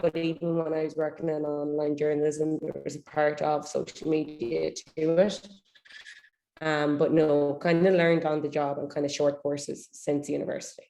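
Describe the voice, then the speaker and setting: Lower-voiced Irish woman chatting. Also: dark tone, low-quality recording. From Ireland. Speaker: podcast guest, social media manager. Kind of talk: casual interview chat.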